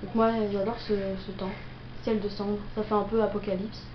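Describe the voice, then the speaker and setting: Coughing through a cold, this young gameplay creator ad-libs her commentary with plenty of hesitation and filler words. Her pitch is medium and barely moves, at a moderate speed. Noise runs under the dull, roomy, low-fidelity recording.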